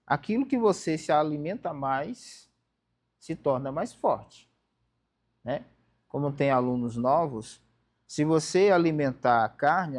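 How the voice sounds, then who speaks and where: Brazilian male Bible teacher, slightly high voice, plain and repetitive classroom delivery. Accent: Brazilian Portuguese. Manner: plain-spoken, repeats key phrases, checks in with listeners. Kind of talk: opening prayer and classroom teaching. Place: classroom before students.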